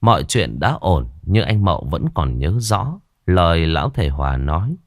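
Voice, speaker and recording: A man narrating a ghost story audiobook in an expressive, dramatic manner. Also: low-pitched, moderate pace, no echo, clean studio sound.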